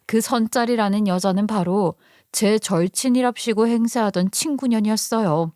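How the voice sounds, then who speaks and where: A woman's voice: medium pitch, warm tone, dry recording. A woman reads a dramatic first-person story aloud in a scripted narration style. Her voice sits in a middle register, recorded close and dry with no room sound. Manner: dramatic, voices the quoted lines herself.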